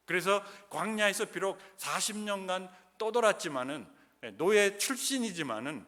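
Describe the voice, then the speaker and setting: Korean guy preaching, bit high pitched, keeps asking the church questions, echoey sanctuary. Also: pushed and bright. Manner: emphatic, asks the congregation questions. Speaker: pastor. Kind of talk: sermon. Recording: long church reverb.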